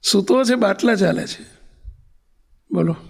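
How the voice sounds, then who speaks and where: High, gravelly-voiced male preacher. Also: unhurried, darkish tone. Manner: storytelling, questioning the audience. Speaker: spiritual leader giving a discourse. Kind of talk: sermon.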